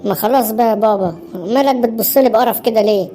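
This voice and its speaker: In cartoon voice acting, a woman plays a lazy, cheeky schoolboy who hates mornings, whining in an Egyptian Arabic accent. Her natural voice is fairly high-pitched and dark in tone, her pace quick, with slight background noise.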